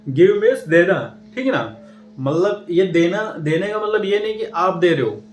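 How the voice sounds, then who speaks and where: A man with a fairly high voice teaches a language lesson and keeps checking that his listeners follow along. He poses questions and answers them himself, speaking some way off the mic in an echoey room. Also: expressive, moderate pace, soft background music. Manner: repetitive, checks in with "ठीक है ना" often. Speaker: English teacher. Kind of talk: classroom-style language lesson. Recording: roomy echo, mic set at a distance.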